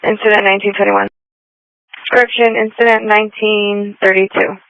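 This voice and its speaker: A woman police dispatcher heard over the radio, reading codes and plates in a level, monotone delivery. Her voice is smooth and clear despite the muffled, dry radio sound. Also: mid-range voice, moderate pace. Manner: clipped, even call-out of codes and plates. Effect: police radio transmission.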